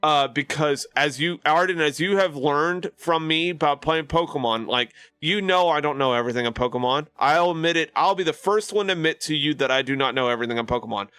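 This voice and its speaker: A man's voice: on the high side, fairly quick, hardly any pauses, bright, forceful tone, clear, resonant tone, no room sound. A man live streaming and chatting casually with his viewers, rambling with lots of fillers and restarts.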